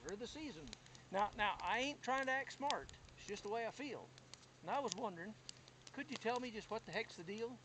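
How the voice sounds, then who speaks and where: A puzzled old rancher, as a male poet plays him talks in a folksy cowboy drawl. The voice is high and lively, with rustic grammar and earnest plainness, in verse. The amateur recording is clearly noisy. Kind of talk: recited cowboy poem dialogue.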